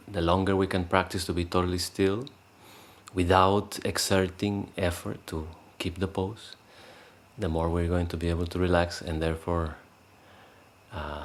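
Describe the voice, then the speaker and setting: A man leading a guided meditation, speaking calmly and unhurriedly with many pauses, fillers and restarts. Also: deep voice. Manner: calm, unhurried, pausing often with fillers and restarts. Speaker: meditation teacher. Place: meditation space in Costa Rica.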